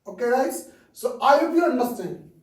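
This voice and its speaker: A man's voice: very high voice, expressive, moderate pace. A man with an Indian accent giving an English lesson, repeating key phrases and checking in with "okay" again and again. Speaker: English teacher. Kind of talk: slow explanatory lesson. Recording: roomy echo, distant mic.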